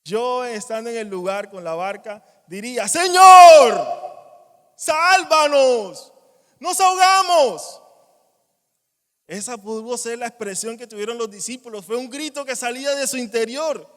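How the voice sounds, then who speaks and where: A man preaching a sermon in a church, animated, acting out quoted cries and dropping to quiet asides. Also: extremely high pitch, fairly quick. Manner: animated, acts out quoted voices, strong swings in loudness. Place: church hall. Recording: long church reverb.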